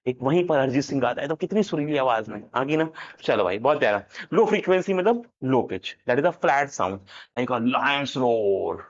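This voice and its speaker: A man's voice: medium pitch, very animated, fairly quick, hardly any pauses. A man teaching a lesson, playful and jokey, switching between Hindi and English. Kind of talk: animated classroom lecture. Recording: dull lo-fi sound.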